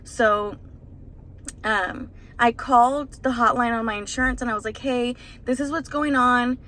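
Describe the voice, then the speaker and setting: A young woman speaks in a bright, fairly high voice, retelling events to the camera in a stressed, shaken ramble full of fillers. She talks like a new mother vlogging casually, with a faint hum of ambience behind her. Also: steady tone, measured pace, rough recording. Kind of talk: casual vlog storytelling.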